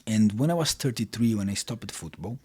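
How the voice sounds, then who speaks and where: In a casual interview, a thirty-something man from Brazil with a Brazilian accent, whose first language is Portuguese, talks in English as a podcast guest and keeps restarting his sentences. His lowish voice is expressive and brisk, a little mellow, with a breathy edge.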